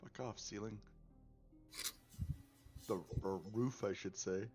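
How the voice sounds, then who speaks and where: A man's voice: lowish voice, fairly even intonation, takes it slowly. A young man playing a tabletop game, laid-back and often correcting himself. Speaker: player. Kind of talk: casual tabletop game play. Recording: dull lo-fi recording, faint music.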